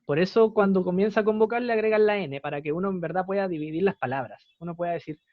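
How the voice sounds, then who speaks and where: A man's voice: high voice, quick pace, no room sound, phone-quality sound. A young man with a Chilean Spanish accent, patiently explaining English grammar to students in an online class and repeating his examples. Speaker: English teacher.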